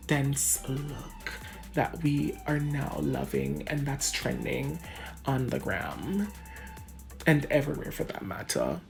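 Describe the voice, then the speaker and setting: A beauty vlogger with a Jamaican accent narrates a makeup tutorial from a brightly lit room at home, her voice low, gravelly and darkish. She talks straight to her viewers in a chatty, casual way, calling them "guys" and laughing often.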